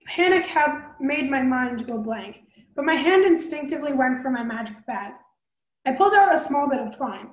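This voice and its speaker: High-voiced woman reading a novel. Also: expressive, echoey room, highs cut off. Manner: brisk with small slips and restarts. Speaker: storyteller.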